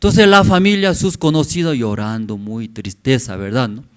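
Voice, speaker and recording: A man in his forties preaching a sermon in church. He speaks in short, halting phrases and keeps checking in with the congregation with questioning "mm?" tags. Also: mid-range voice. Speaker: pastor.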